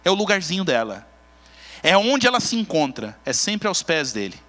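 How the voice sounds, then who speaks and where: A man with a Brazilian Portuguese accent preaching a sermon as a pastor. He tells the story in an animated way and acts out the characters. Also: high voice, normal speed. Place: church. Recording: long reverb in a large church.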